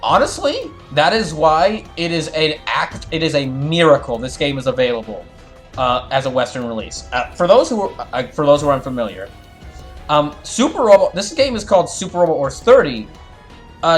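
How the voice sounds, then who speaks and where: Soft music plays under a man whose fairly high voice has a sing-song lilt at a normal speed. He hosts a live fandub stream, chatting casually with viewers and reading game lines, and his explanations ramble with frequent restarts.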